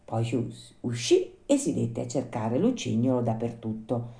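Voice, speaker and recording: Female storyteller, lively reading of a children's book, mellow tone, pitch a touch high. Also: a little slow, vocal fry. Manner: expressive, animated storytelling. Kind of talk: reading a children's classic aloud.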